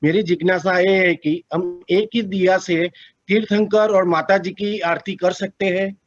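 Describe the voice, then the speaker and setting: A man's voice: high-pitched, steady tone, unhurried, dry recording. A man devotee respectfully asking a short question, on a dull lo-fi line with faint music behind. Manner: polite, brief, respectful.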